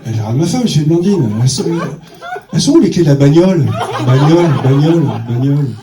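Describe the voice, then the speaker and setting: A man's voice: on the high side, sing-song, quick pace, echoey room, distant mic, crowd noise. A stand-up comedian man telling a crude story on stage, with a bawdy, punchy delivery and sudden jumps in his voice.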